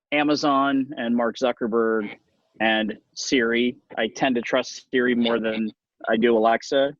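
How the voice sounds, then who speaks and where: A middle-aged man speaks with a Californian American accent in casual conversation. He wanders through anecdotes with a wry touch, in an average-pitched voice. The sound is dry and a little dull, like modest lo-fi audio. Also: no room sound.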